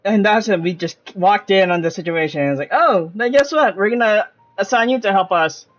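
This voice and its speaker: A man with a high-pitched, animated voice streams a game, talking a little fast. His commentary is casual and rambling, often trailing off mid-thought, with game music in the background.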